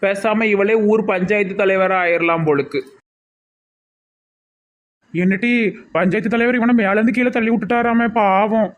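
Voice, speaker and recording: A woman's voice: mid-range voice, moderate pace, long pauses, muffled recording. A woman with a Tirunelveli Tamil accent in a village comedy sketch, grumbling and complaining.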